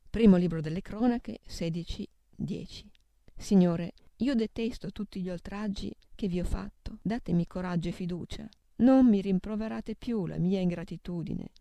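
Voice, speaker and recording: Very mellow, gravelly-voiced woman reader. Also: mid-range voice, no room sound. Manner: solemn, steady, cites scripture references aloud. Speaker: reader of devotional texts. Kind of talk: measured devotional reading.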